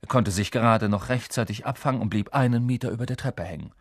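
A man narrating a storybook audiobook in an expressive way. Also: on the low side, fast, slightly rough, no echo, clean studio sound.

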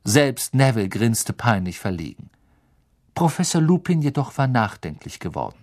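A man's voice: mid-range voice, moderate pace. A man narrating a storybook expressively. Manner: expressive, acts out every character. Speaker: audiobook narrator.

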